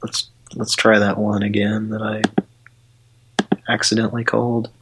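Low, flat, husky-voiced man. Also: moderate pace, low-quality recording. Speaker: prank call host. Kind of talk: casual livestream chat.

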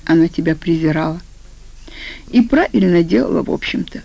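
A woman narrating an audiobook in a steady, even storytelling voice. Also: on the low side, a little fast, vocal fry, rough recording. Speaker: audiobook reader.

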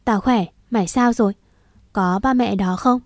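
Brief: woman voicing a brusque loyal girlfriend, mellow and dry. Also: medium pitch, moderate pace, no echo, close to an everyday voice. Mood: blunt. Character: blunt loyal young female best friend.

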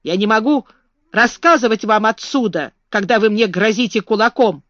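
A woman's voice: on the high side, normal speed, fairly bright tone, no echo, highs cut off, natural voice. A woman voicing a stubborn young girl who answers back insistently.

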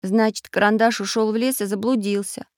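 A woman's voice: medium pitch, fairly even intonation, brisk, a little mellow, no echo, clean studio sound, voice pushed up, lightly acted. A woman voicing a bold, determined young boy who talks resolutely.

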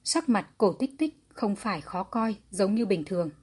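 Woman audiobook narrator, husky, even delivery. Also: medium pitch, normal speed. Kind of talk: audiobook narration of a historical fantasy novel.

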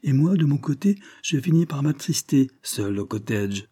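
A man voicing a chattering young woman, a lord's sister, with a twittering little voice that gushes on without pause. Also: medium pitch, animated, warm tone, husky, voice pushed up. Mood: scolding.

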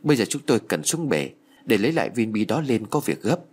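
A man's voice: fairly low pitch, big pitch swings, quick pace, darkish tone, slightly rough. A man voicing a worried middle-aged father who asks urgent questions.

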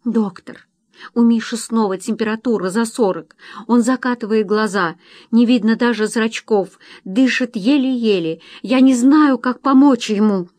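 A man's voice: high-pitched, a little slow, long pauses, a little mellow, no echo. A male audiobook reader voicing a frightened young wife who pleads for her sick husband. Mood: desperate. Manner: pleading, anxious. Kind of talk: audiobook narration with voiced quotes.

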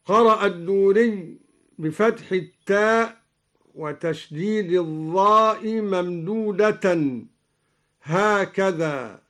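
A man teaching Quranic recitation variants, alternating measured explanation with chanted verses. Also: high voice, a bit bright.

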